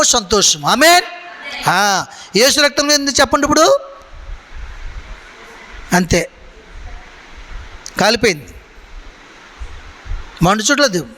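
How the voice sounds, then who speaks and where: High-pitched preaching man in a reverberant hall. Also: sharp tone. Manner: call-and-response preaching, questioning the congregation. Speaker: pastor. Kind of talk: sermon. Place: church hall.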